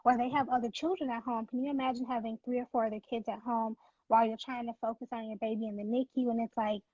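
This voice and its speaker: A woman's voice: on the high side, level tone, fast talker, a little mellow, slightly rough, no echo, muffled recording. A woman who founded a nonprofit, speaking as an interview guest in an earnest, faith-driven, emphatic way. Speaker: nonprofit founder, former NICU mom.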